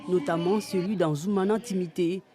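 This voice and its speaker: A reporter with an Ivorian French accent narrating a TV news report in an even, formal voice-over. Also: mid-range voice, normal speed, a crowd in the background.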